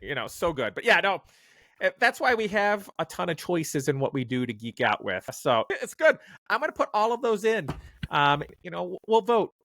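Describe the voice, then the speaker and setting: A man's voice: high voice, sing-song, moderate pace, creaky, a bit bright, no echo. A man hosting a podcast, chatting casually and rambling with lots of fillers and restarts. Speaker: podcast host.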